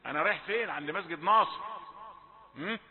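A man with an Egyptian accent teaching Quran recitation rules, chanting verses slowly and then correcting pronunciation in quick colloquial asides. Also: high voice, long reverb tail, phone-quality sound. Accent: Egyptian Arabic. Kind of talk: tajweed lesson, chanted recitation and spoken correction.

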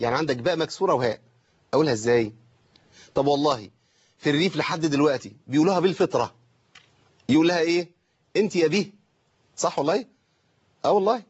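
A man with an Egyptian accent teaching Quran recitation, lively and mock-scolding as he demonstrates common pronunciation mistakes. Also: on the high side, slightly rough. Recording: dull lo-fi recording.

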